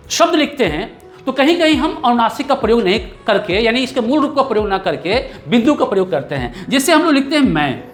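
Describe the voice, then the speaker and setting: A man teaching a grammar lesson, explaining patiently, repeating key terms and checking in with the class. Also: very high voice. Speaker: Hindi teacher.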